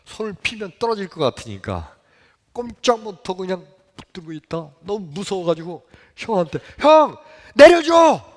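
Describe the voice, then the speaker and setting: A man preaching a sermon as pastor, telling a childhood story in an animated way and acting out the people in it with sudden loud, high jumps. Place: church sanctuary. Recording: long reverb of a church hall.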